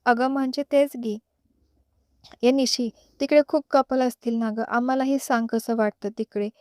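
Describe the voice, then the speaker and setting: A woman's voice: on the high side, fairly even intonation, moderate pace, a little mellow, smooth, no echo, clean studio sound, natural voice. A woman reading a storybook voices a cheerful young woman friend who teases and chatters. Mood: teasing. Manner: teasing, chatty.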